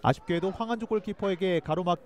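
Excitable high-pitched male football commentator. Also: quick pace. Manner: excitable, shouts out chances and goals. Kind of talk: live football match commentary.

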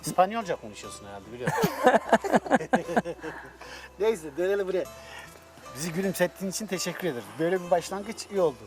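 A man's voice: high voice, lively intonation, quick pace, pauses often. A man hosting a casual interview, chatty and given to teasing his guests. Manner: teasing, jokey. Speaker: host interviewer. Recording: clear music behind the voice.

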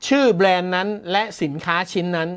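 A male tech news host talks through the story in a loose, conversational way. He sounds amused and chuckles often, slowing down when he reads out technical terms. The delivery is casual and reactive, not scripted. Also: sits high, smooth. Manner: chatty and amused, laughs often, mock-shouts.

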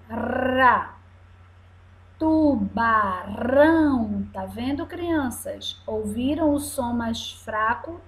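A woman teacher leads a reading lesson for small children. She speaks very slowly, stretching each syllable out, in a slightly high voice. Her delivery is patient and deliberately clear. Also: a bit bright, a little hiss or hum. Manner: slow, drawn-out syllables for young children. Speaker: first-grade teacher.

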